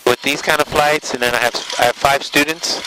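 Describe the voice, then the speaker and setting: A man's voice: on the high side, fairly even intonation, brisk. A man, a flight instructor, chatting casually and explaining flying inside a small airplane. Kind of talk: casual chat in the cockpit. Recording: noisy small-plane cockpit.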